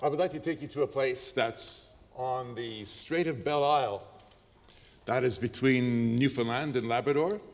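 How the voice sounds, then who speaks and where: A man with a Canadian accent lectures at a conference, lively and joking, often pausing on uh and um. His mid-pitched voice rings with long hall reverb. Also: slight background noise. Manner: lively, joking asides, frequent ums and uhs.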